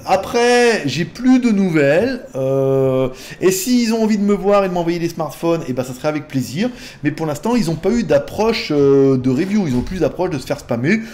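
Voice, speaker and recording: A man's voice: on the high side, darkish tone. A man hosting a casual question-and-answer vlog, chatty and rambling, with many fillers and restarts. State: tired. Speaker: YouTube tech host.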